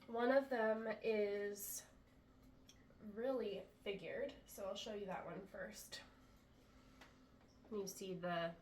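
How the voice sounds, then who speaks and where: A flute maker from the US Pacific Northwest shows off her handmade flutes in a casual demo, talking to the camera in an indoor room. She's chatty and relaxed with many ums, and sounds a little congested after a cold. Her mid-range voice is off-mic and distant in an echoey room, with a little hiss or hum.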